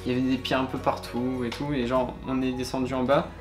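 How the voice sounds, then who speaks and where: A man's voice: medium pitch, little pitch movement, fast talker. A man recounting an outing casually, in loose colloquial phrases. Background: soft guitar music.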